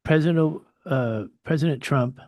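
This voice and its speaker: A man's voice: fairly high pitch, measured pace, a little mellow, no echo, clean studio sound. A man hosting a podcast interview, asking his guest questions in an inquisitive manner. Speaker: host.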